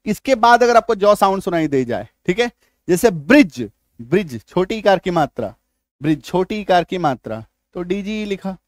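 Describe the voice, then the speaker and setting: A man with a high, bright voice explains spelling rules slowly and patiently. He keeps pausing to check that the learner follows along. The recording is dry and close, with little room sound. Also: very animated, no room sound. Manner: repeats checks like "ठीक है?" and "आया समझ में?" often. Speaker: English teacher. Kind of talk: spoken spelling lesson.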